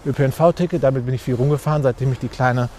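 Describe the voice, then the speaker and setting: A man's voice: mid-range voice, steady tone, fast, dark tone, a little hiss or hum. A man, answering interview questions outdoors with many fillers and restarts. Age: 40s. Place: outdoors on a street.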